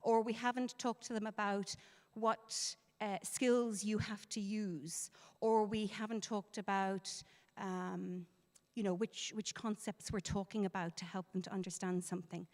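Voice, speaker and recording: Irish woman teacher leading a lively talk for parents, easy laughter, average pitch, recorded with long reverb in a school hall. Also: measured pace, hardly any pauses. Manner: lively, chatty, laughs easily. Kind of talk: interactive presentation.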